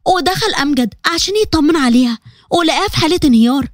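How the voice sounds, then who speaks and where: A woman storyteller with an Egyptian Arabic accent reads scripted drama narration in a high, quick voice. Her delivery is brisk and dramatic, and the recording sounds dry and close to the mic. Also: animated, no room sound.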